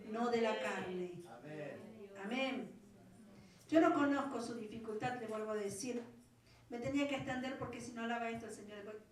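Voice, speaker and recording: A middle-aged Argentine woman pastor gives a fervent Pentecostal sermon in a raised, fairly high voice. Her pleas swell loud and echo around a large church hall. The mic is some distance from her. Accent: Argentine Spanish. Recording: very echoey hall, voice from far off.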